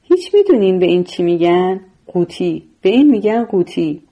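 A woman's voice: fairly low pitch, big pitch swings, mellow, rough recording. A woman voicing a defiant, foul-mouthed male gangster who hurls scornful insults.

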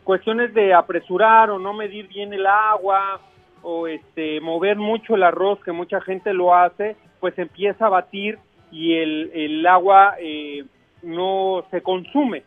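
A man with a Mexican accent, a chef on radio, explaining and chatting casually in a halting way. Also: high voice, fairly even intonation, no echo, phone-quality sound, faint music behind. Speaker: chef giving radio cooking tips.

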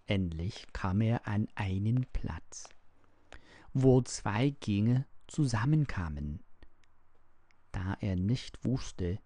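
Very slow, husky male storyteller. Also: on the low side, dark tone, no echo. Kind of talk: storybook reading aloud.

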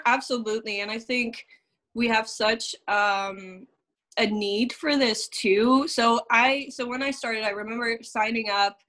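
A woman's voice: on the high side, a little slow, a bit bright. A woman from the Netherlands, in her thirties, chatting as a podcast guest, with many fillers and frequent laughs. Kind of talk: casual interview chat.

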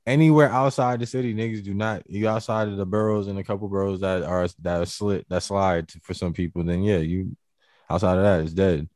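A young man tells stories at a rapid clip, slangy and joking in a casual chat. His voice sits fairly low. The sound is dry and close. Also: no room sound. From New York. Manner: slangy, joking, animated storytelling.

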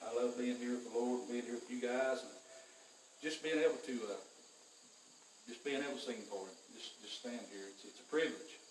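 A man's voice: medium pitch, brisk, a little hiss or hum. A man leading worship, talking earnestly between hymns with a cave-like echo effect on his voice. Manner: earnest, rambling, thankful. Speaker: gospel singer leading worship. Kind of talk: casual talk between a cappella hymns. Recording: heavy cave echo, distant from the mic.

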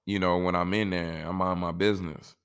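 A man's voice: deep voice, fairly even intonation, fairly quick, gravelly, fairly bright tone, clear, resonant tone. A man talking casually and giving life advice in a laid-back, rambling way, often saying "you know".

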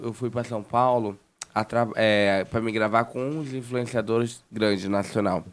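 A man's voice: mid-range voice, clear, resonant tone. A man telling a long personal story in casual chat, rambling and restarting his sentences often. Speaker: guest.

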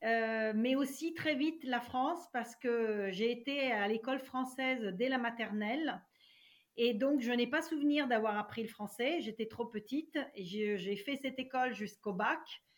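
A woman's voice: on the high side, measured pace. A woman from Italy whose first language is Italian, answering interview questions reflectively with many fillers. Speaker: guest. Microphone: remote call.

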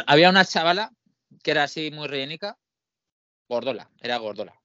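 A man with a Spain Spanish accent tells stories in a casual podcast chat. His pitch swings widely as he acts out the people he quotes. The sound is dry and a little dull. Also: fairly quick, dry recording. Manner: animated storyteller, acts out quoted dialogue. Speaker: podcast co-host. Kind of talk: casual chat, telling anecdotes.

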